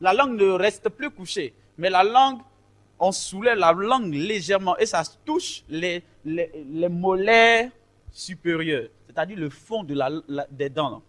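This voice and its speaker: A man's voice: high voice, lively intonation, measured pace, a bit bright. A man teaching a choir vocal technique, explaining vowel shapes patiently and counting the group in.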